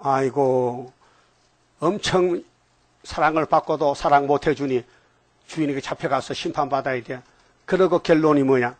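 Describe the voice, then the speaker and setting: A man's voice: mid-range voice, moderate pace, long pauses, no room sound. A male pastor preaching a sermon, scolding his congregation with rhetorical questions and calling on them to repeat after him.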